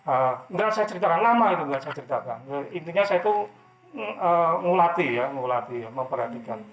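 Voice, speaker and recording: A man preaching and telling a personal testimony in a loose, repetitive way. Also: a little high. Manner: loose, repetitive talk with many fillers. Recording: echoey room.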